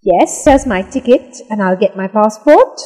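A woman reading the lines of a scripted English lesson dialogue, slowly and with careful enunciation. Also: mid-range voice, lively intonation, warm tone, long reverb tail. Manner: slow, careful, clearly enunciated delivery.

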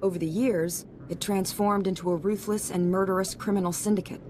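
With a steady tone and a brisk, lightly acted delivery, an actress performs a video game cutscene as a stern female senator in a hurry. Her oratory is formal, commanding, and urgent, and the recording has a noticeable rumbling noise behind it.

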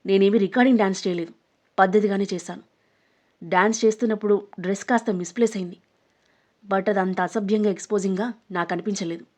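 A woman voicing a frightened but defiant young woman in an audio story, speaking sharply and loudly. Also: fairly low pitch, level tone, fast talker, slightly rough. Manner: sharp, shouting, pleading. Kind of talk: storybook narration.

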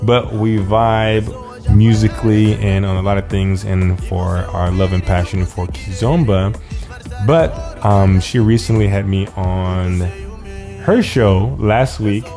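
Upbeat low-voiced male podcast host. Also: takes it slowly, music in the background. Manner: upbeat, playful, repeats words for emphasis. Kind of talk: casual podcast interview.

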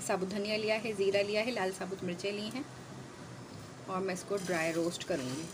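A woman's voice: mid-range voice, fairly even intonation, a little fast. A woman from Pakistan hosting a home cooking tutorial in her kitchen, talking viewers through each step in a chatty way and checking in with them often. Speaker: cooking channel host. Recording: noisy home recording.

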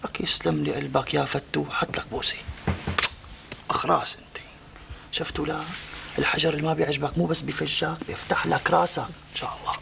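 An actor playing a young adult brother who bickers and schemes in a hushed, whispered way. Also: male voice, on the high side, level tone, fast, gravelly. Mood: hushed scheming. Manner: hushed, conspiratorial, often whispered. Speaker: comedy actor. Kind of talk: sitcom acting.

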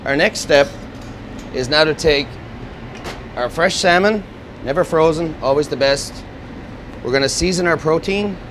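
Male executive chef, slightly high voice, lapel mic in a noisy restaurant kitchen. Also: measured pace, long pauses. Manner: steady instructive step-by-step explaining. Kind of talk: cooking demonstration. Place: restaurant kitchen at a gas range.

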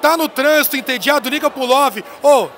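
A man in his thirties, an excited and playful interviewer, hyping his guest with a handheld mic in a busy indoor expo hall. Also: extremely high pitch, moderate pace, a little hiss or hum. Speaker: interviewer at a trade fair. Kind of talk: casual on-location interview. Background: crowd chatter of the fair.

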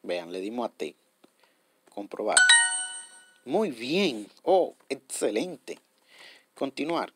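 A man's voice: medium pitch, very animated, slow pace, long pauses, background noise. A man hosting a step-by-step app tutorial. He explains patiently, repeats himself, and keeps checking in with his viewers. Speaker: tutorial host.

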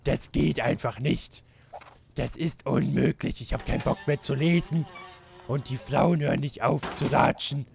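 Over soft background music, a man plays a horror game and comments in an unhurried, mid-range, gravelly, slightly mellow voice. In this let's play, he jokes, swears and panics, sometimes reading notes aloud mockingly. He uses a desk mic with a facecam.

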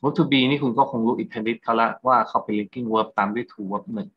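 A man's voice: mid-range voice, fairly quick, slightly rough. Thai man explaining grammar, slightly lo-fi. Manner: explanatory, asks rhetorical check questions. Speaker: English grammar teacher. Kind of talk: classroom lecture, explaining exam answers.

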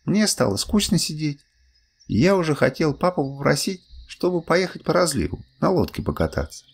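Old guy reading a bedtime story, gravelly, voice goes up and down a lot, soft music behind. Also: on the high side, normal speed. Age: older. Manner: lively, expressive storytelling.

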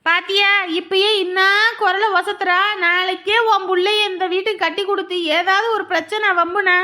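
An actress playing a quarrelsome, easily offended elder sister in a family drama, loud and accusing. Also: female voice, very high voice, level tone, moderate pace. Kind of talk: TV serial acting.

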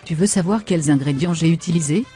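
A woman's voice: sits low, a little fast, warm tone, soft background music, natural voice. A woman voicing a vain, foul-mouthed young woman, brash and insulting in comic machinima. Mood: bossy. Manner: brash, insulting, self-satisfied.

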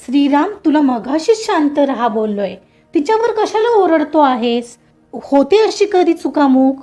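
A woman voicing a young man who calmly tries to soothe his angry brother. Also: high-pitched, a little slow, faint music behind. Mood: soothing. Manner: soothing, reasoning.

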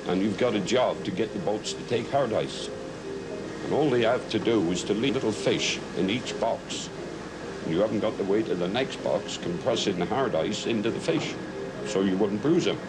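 A man's voice: low-pitched, rough recording. A man, explaining the local ice works in a plain, matter-of-fact way. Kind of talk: documentary interview.

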